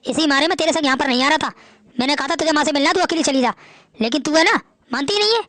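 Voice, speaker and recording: Bossy rich son-in-law in a family drama, rapid and high-pitched, sneering at everyone. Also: female voice, a bit bright, dry recording. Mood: scornful. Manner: scornful, bossy. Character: arrogant rich male son-in-law, boastful. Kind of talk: Hindi family drama acting.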